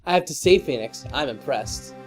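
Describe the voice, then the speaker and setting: A man's voice: mid-range voice, expressive, moderate pace, over music, natural voice. A man voicing a composed adult woman mentor in an amateur reading of game dialogue. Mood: calm.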